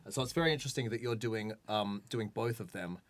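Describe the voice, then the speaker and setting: A man's voice: fairly low pitch, quick pace, no echo. A man co-hosting a casual studio chat, explaining things emphatically and repeating phrases for effect. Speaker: co-host, former dub actor. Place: small radio studio, indoors. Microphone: desk gooseneck microphone.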